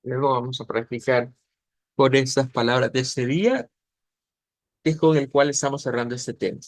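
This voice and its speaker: Gravelly male language teacher. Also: mid-range voice, dry recording. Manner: explanatory, frequent "eh" and "¿verdad?", sounds out words slowly. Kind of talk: online pronunciation lesson.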